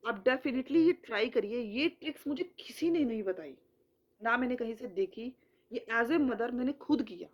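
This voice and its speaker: A woman in her thirties, a mother giving earnest home speech tips in a casual vlog, stretching out sounds slowly to demonstrate them. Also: on the high side, animated. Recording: dull lo-fi sound.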